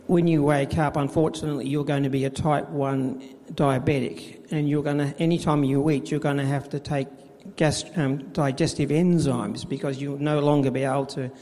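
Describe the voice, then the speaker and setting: A middle-aged man tells his story of faith in a halting way, with many fillers and restarts, recorded in a church with a long reverb. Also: a little high, fairly even intonation, mellow. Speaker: church volunteer administrator. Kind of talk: personal faith testimony in interview.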